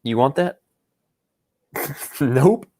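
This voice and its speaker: A man's voice: medium pitch, animated, extremely slow, dark tone. A man hosting a casual live whiskey tasting, joking and rambling as he chats with viewers. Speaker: whiskey livestream host. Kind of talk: casual livestream tasting chat.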